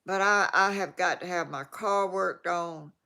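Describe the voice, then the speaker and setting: A woman in her eighties with a Georgia Southern accent reads viewer comments on her vlog, rambling casually and trailing off before starting again. Her voice sits on the low side, bright and forceful, at a measured pace.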